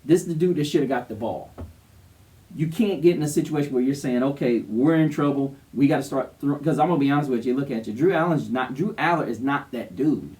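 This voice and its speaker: A man's voice: mid-range voice, fast, a little mellow, far from the mic. A man co-hosting a sports show, giving casual, emphatic, opinionated commentary. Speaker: co-host of a college football show.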